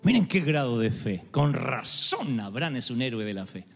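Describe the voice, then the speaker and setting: A man preaching a sermon to an audience, animated, acting out the voices of God and of people, and talking straight to the crowd. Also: medium pitch, normal speed, gravelly. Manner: addresses audience directly. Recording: long hall reverb with faint music.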